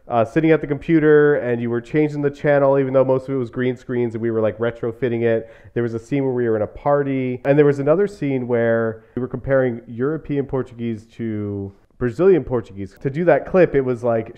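A man's voice: medium pitch, brisk, hardly any pauses, warm tone, clean tone. A male podcast host with a mid-range voice talks casually with his guest. He tells stories in a loose, chatty way and leans on fillers. The recording sounds slightly dull. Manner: chatty storytelling with frequent "like" fillers. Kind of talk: casual conversational interview. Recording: slightly muffled podcast audio.

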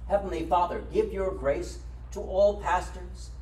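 A man in his sixties, a priest, reading set prayers at the altar in a measured, solemn way, recorded in a small chapel by a distant camera. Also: high voice, a little mellow, a little hiss or hum. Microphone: far camera. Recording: echoey room from far off.

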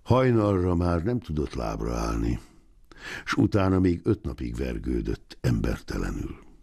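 A young man narrating a short story in a measured, expressive way. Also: rumbling low, vocal fry, husky, no echo, clean studio sound. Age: young adult. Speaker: audiobook narrator.

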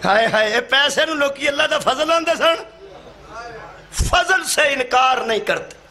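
A man preaching a sermon, acting out dialogue and rising to shouts. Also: very high-pitched, normal speed, noisy background. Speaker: Shia cleric giving a majlis sermon. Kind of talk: sermon to a live gathering. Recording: live hall with loud crowd. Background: crowd responses.

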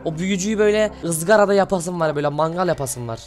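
A man with a high-pitched voice delivers lively reaction commentary, cheering and shouting at what he watches in loose, slangy talk. Soft music plays faintly behind him. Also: quick pace. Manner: animated, shouts at the screen, slangy. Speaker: channel host reacting to an animation.

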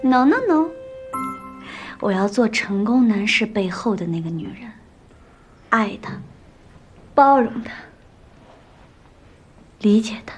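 A lively young wife, teasing and self-assured. Her voice sits at a medium pitch. Music plays clearly behind her. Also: slow, long pauses. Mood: determined. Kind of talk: TV drama acting. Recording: drama with strong music score.

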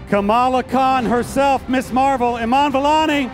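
A middle-aged male presenter with a high voice makes live stage announcements over music at a fan convention, introducing guests at a moderate pace. He speaks into a handheld microphone on the stage of a large convention hall.

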